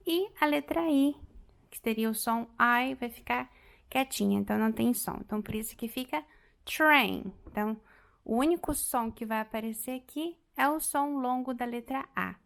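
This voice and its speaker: A woman in her thirties teaching an online English vocabulary lesson, explaining step by step and repeating phrases slowly. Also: fairly high pitch, vocal fry, a bit bright. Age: 30s.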